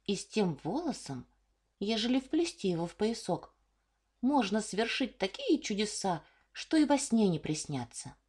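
A woman voicing an earnest village girl in a storybook reading, eager and lively as she tells a tale. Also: medium pitch, unhurried, slightly rough. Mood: telling.

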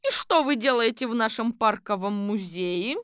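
Woman putting on a loud shrill bossy sporty lady, high and pushy, dry sound. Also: big pitch swings, a little slow, no echo, heavily acted. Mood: suspicious. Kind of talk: audiobook character voice.

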